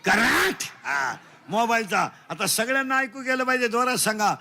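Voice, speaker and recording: High, bright-voiced Marathi preacher. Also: male voice, animated, moderate pace. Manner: loud, teasing, quizzes the crowd in call-and-response; mixes broken English lines into the sermon. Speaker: kirtan preacher. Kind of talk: comic devotional sermon.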